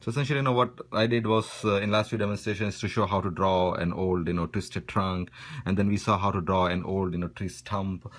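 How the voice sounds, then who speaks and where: Man, deep low voice, quick talker, drawing lesson narration, relaxed filler-heavy delivery. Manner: relaxed, fills with "you know" constantly. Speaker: drawing instructor. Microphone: voice-over while drawing.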